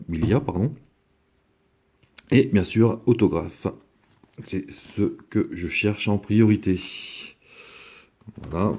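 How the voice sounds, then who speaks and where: A man's voice: low voice, dark tone. A man giving casual, rambling commentary as he opens a box of trading cards, talking with many fillers. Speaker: card collector opening a box.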